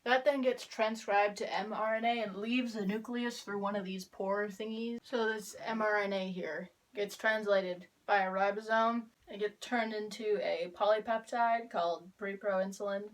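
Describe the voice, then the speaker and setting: A teenage girl making a class video, explaining a biology topic in a casual, wry, deadpan way while kneeling to draw with chalk. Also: mid-range voice, low-quality recording. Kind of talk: casual explainer with sarcastic asides. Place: kneeling on the ground drawing with chalk.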